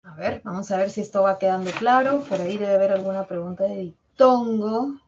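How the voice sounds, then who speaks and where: A woman's voice: mid-range voice, brisk, darkish tone, slight background noise. Woman, Peruvian Spanish accent, language teacher, patient classroom lecture, stretches words into syllables, muffled lo-fi recording. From Peru. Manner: explains patiently, drawing out example words syllable by syllable.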